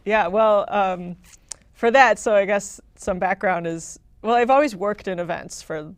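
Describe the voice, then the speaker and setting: Young adult woman, mid-pitch, loose and chatty guest, laughs a lot; dry, close recording. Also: measured pace, no echo. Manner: rambling, lots of "like", frequent laughter. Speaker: guest, [name] impersonator. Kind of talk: casual podcast interview chat.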